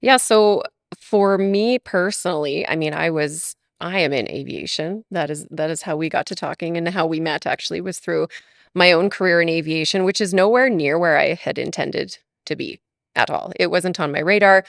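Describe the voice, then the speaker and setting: A Canadian woman from Alberta, guesting on a podcast, chats casually through an interview, laughing often and leaning on fillers. Her lowish voice is creaky and moves at a moderate pace, captured in a dry, clean studio recording.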